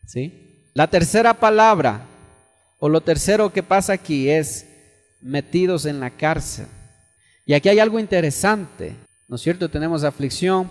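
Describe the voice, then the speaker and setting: A man's voice: on the high side, big-room sound. A man preaching a sermon as pastor, emphatic, repeating phrases and putting questions to his congregation. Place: church hall.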